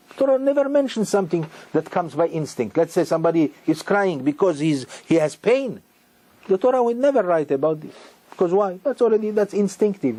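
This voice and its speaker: A man giving a sermon as a rabbi, speaking with emphatic repetitions and halting restarts. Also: sits high, warm tone.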